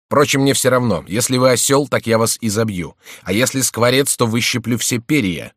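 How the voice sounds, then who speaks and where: A man voicing a mocking twenty-five-year-old nobleman who speaks slowly and deliberately in an audiobook. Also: medium pitch, slightly rough, no room sound, studio quality, voice pushed up, natural voice. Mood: sardonic. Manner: slow, deliberate, sardonic.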